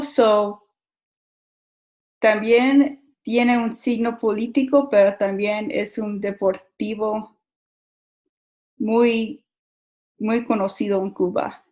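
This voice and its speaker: A young woman talks through a class presentation at a slow, unhurried pace, stopping and restarting her words often. Her pitch sits in a middle range. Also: darkish tone, rough recording. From Mexico. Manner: halting, many restarts and repeated words. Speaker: student giving a class presentation. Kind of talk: school presentation.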